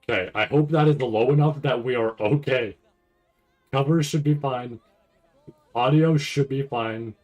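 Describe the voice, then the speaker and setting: This reaction-stream host has a mid-range, slightly mellow voice and a measured pace, with the highs cut off in the recording. He chats casually and wanders, thinking out loud in fragments and regularly tagging his points with a question to check in.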